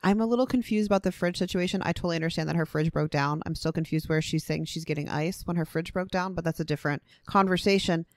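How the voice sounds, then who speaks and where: Low-voiced easygoing woman podcaster. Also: fast talker, hardly any pauses. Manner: chatty and easygoing, swears casually. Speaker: podcast co-host. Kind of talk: casual chat.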